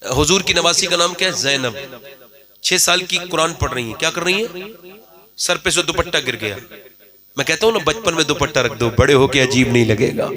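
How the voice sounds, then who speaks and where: A man with a high-pitched voice preaches to a live gathering, an audible crowd around him. He tells stories quietly, then builds into loud, fervent exhortation. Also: animated, fairly quick. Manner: impassioned, swinging from quiet storytelling to shouted exhortation. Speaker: Islamic preacher. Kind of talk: sermon.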